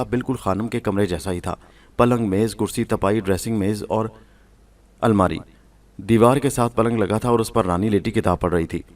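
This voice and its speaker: A man's voice: lowish voice, darkish tone, distant mic. A man narrating a story from a script and reading every part in his own voice.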